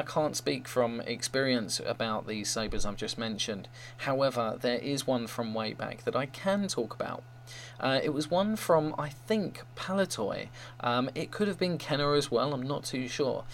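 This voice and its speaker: A man's voice: mid-range voice, vocal fry. Male fan show host over a faint hum. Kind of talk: informal review and report.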